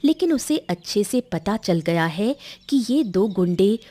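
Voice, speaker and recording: A woman's voice: mid-range voice, unhurried. Woman narrating a cartoon story. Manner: steady storytelling.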